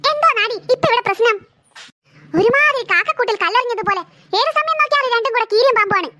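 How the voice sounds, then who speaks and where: A woman's voice: extremely high pitch, expressive, fast, bright, forceful tone, exaggerated voice. A woman doing a fed-up scolding cartoon mom. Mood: exasperated. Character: exasperated scolding cartoon mother. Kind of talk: cartoon voice acting.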